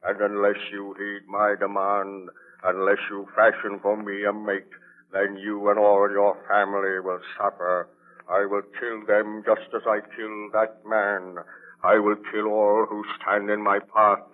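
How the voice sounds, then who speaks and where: A man's voice: fairly low pitch, monotone, measured pace, lightly acted. A man playing an anguished, vengeful monster in a 1930s radio drama, speaking in a portentous, declamatory way. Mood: threatening. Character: anguished, vengeful male monster, lonely man-made creature. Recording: tinny band-limited 1930s radio broadcast.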